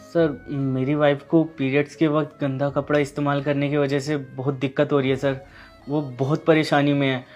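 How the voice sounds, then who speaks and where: A man with a slightly raised pitch plays a shopkeeper and then a husband in a short social-message skit. He sounds by turns dismissive and pleading, with soft music underneath. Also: little pitch movement, normal speed. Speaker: chemist, later patient's husband.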